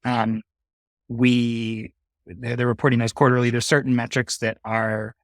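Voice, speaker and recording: Man calmly explaining in a dry close voice. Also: mid-range voice, a little slow, no echo. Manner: explanatory, methodical, with "uh" fillers. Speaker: fund manager guest. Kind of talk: interview conversation.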